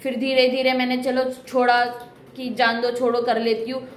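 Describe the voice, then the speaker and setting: Woman film recapper, high voice, chatty and wry asides, roomy echo, faint hiss. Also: little pitch movement, normal speed. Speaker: movie reviewer. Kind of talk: casual movie story recap.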